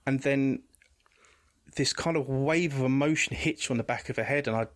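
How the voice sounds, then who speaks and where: A man's voice: mid-range voice, moderate pace. Candid man telling his story. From England. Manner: candid, rambling with restarts. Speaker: guest. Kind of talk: personal storytelling in conversation.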